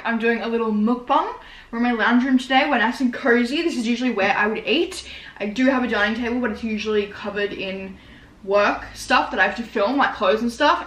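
Casting: Australian woman, 19, slightly high voice, rambling casual mukbang eating vlogger, roomy indoor sound. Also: fairly bright tone. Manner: informal, slangy, rambling. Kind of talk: casual chatty mukbang vlog while eating. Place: small living room, indoors.

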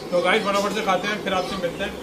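A man talks through a mouthful of food, chewing as he chats eagerly about his meal. His voice sits a little higher than most men's. Loud background noise runs under him throughout. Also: flat delivery, racing, recorded from a distance. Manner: chatty, enthusiastic food reviewing. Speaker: vlogger. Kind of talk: casual food vlog.

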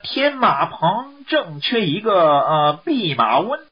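A man's voice: high-pitched, sing-song, slow, slightly rough, exaggerated voice. A man voicing a polite, soothing old male immortal envoy in a read-aloud storybook. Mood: formal. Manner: coaxing, courteous. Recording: dull lo-fi recording.

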